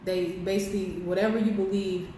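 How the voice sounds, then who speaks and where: A woman's voice: mid-range voice, steady tone, a little fast, dark tone, far from the mic. Emphatic woman in an echoey room. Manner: emphatic, rhetorical questions to the audience. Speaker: co-host. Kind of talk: impassioned political discussion. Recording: very echoey room, voice off-mic, faint noise.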